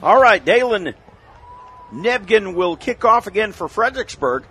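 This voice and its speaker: An American man giving live play-by-play commentary on a high school football game. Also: expressive, unhurried, pushed and bright, soft background music. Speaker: play-by-play sports announcer.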